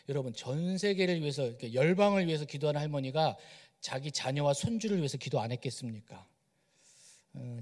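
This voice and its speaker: A man's voice: fairly high pitch, a little mellow. A middle-aged man from Seoul gives a humorous, conversational guest sermon and keeps asking the congregation questions. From Seoul, South Korea. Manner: chatty, joking, asks the congregation questions. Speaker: guest preacher. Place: church sanctuary. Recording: long hall reverb in a church.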